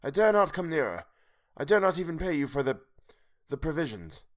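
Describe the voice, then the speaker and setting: A man voicing a frightened, hungry old man in a sea story, halting and pleading in formal old-fashioned words. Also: a little high, very animated, pitched above the performer's own voice. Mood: hopeless, apologetic.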